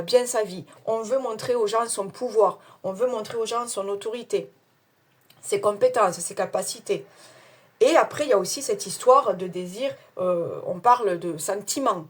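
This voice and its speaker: Reading tarot cards for viewers, a woman speaks with a mid-range, darkish voice that has a breathy edge. Her accent is a non-standard French one, and her manner is casual and hesitant, loaded with fillers, chatty, and quick to laugh at herself.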